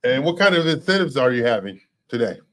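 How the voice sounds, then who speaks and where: A man's voice: mid-range voice, big pitch swings, fast, a bit bright. A man hosting a casual real estate show, asking about price and incentives in an easygoing, joking way. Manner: easygoing, asks questions, jokes. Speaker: show host. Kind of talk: casual interview.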